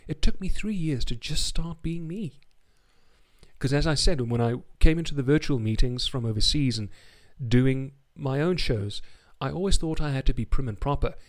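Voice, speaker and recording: A man's voice: medium pitch, animated, normal speed. A man with a modern British RP, Home Counties accent, speaking in an articulate, formal way as a guest in a reflective personal interview. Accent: refined RP, English Home Counties. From South Africa. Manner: articulate, formal extended vocabulary. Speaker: podcast guest.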